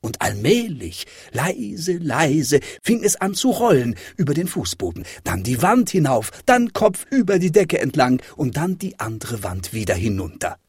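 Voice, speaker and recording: A man reading a children's fairy tale aloud with expressive, dramatic delivery. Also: medium pitch, normal speed, hardly any pauses, husky. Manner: lively, dramatic rises and falls. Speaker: storyteller.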